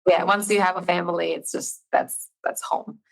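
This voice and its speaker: A woman's voice: on the low side, flat delivery, normal speed, vocal fry, rough recording. A woman from Albania, a podcast guest, speaking directly and emphatically over a video call in a casual interview. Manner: direct, emphatic about her views.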